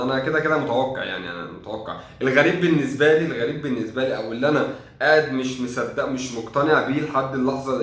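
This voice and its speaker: Young egyptian man, sarcastic football rant, quick delivery, echoey room. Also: mid-range voice, fairly bright tone. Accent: Egyptian Arabic. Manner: sarcastic, exasperated, thinks aloud. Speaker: football fan commentator. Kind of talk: casual match review.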